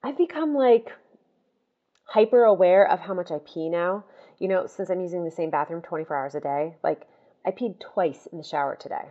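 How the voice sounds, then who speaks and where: A woman's voice: on the low side, moderate pace, dark tone, muffled recording. A young woman in a comedic audio drama leaving rambling, exasperated voice messages. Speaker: lead character leaving voice messages.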